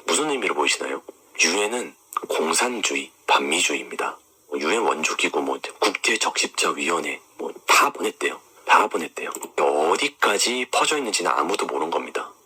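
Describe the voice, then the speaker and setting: A deep-voiced man with a sharp, forceful edge and a slightly husky grain. His pitch swings a lot as he talks straight to his viewers. He points them through images on screen and keeps throwing rhetorical questions at them. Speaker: online commentator. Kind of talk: explanatory monologue to viewers.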